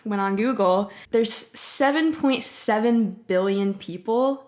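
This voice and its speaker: A woman's voice: medium pitch, slow pace, darkish tone. Candid young woman vlogger chatting casually. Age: 20s. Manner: informal, candid, slangy. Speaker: singer-songwriter vlogger. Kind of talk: casual personal chat.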